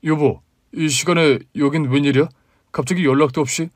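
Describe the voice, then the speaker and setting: A man's voice: a little high, fairly even intonation, fairly quick, no echo, close to an everyday voice. A man voicing a flustered, defensive husband in a read-aloud story. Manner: defensive, then pleading. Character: flustered cheating husband, middle-aged man.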